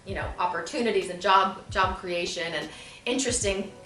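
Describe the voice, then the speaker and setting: Speaking a little fast in a mid-range, slightly bright voice, this interview guest explains her answers conversationally with many asides. She's in her thirties, born in Bulgaria and raised in Southern California; the recording has a little hiss or hum, roomy echo, faint music and a distant mic.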